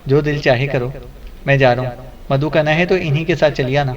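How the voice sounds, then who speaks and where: A man's voice: on the high side, far from the mic, natural voice. Guy reading a cranky old army colonel, dry and clipped, lo-fi audiobook sound. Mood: curt. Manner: dry, irritable delivery. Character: gruff older male retired colonel, curt.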